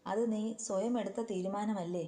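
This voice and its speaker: A woman's voice: medium pitch, steady tone, moderate pace, dark tone, big-room sound, close to an everyday voice. A woman voicing a caring but firm older sister-in-law who coaxes and scolds, read as a story. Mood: scolding. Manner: coaxing yet scolding.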